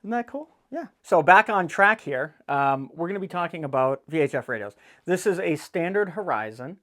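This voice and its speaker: Speaking from an office, this man runs a boating DIY channel and addresses his audience directly in a laid-back how-to video. His voice is fairly high, bright and expressive at a normal speed, and his manner is folksy, joking, sweary and bluntly irreverent.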